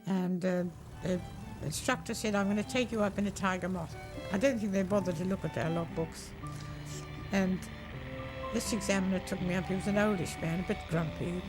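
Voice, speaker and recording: An older woman recounts her flying days in an interview, lively and animated, and slips into other people's voices as she tells them. Her voice sits at a middling pitch. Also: moderate pace, music in the background. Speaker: former wartime ferry pilot. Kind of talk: interview storytelling.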